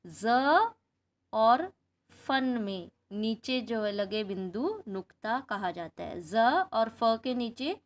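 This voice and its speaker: A woman teacher giving a Hindi grammar lesson, explaining patiently and asking the class questions. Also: on the high side.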